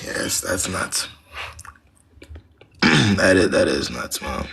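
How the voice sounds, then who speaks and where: A man's voice: rumbling low, slow pace, creaky, a bit bright, a little hiss or hum. A young American man hosting a casual live advice chat, blunt and slangy, repeating phrases for emphasis. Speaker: live stream host giving dating advice.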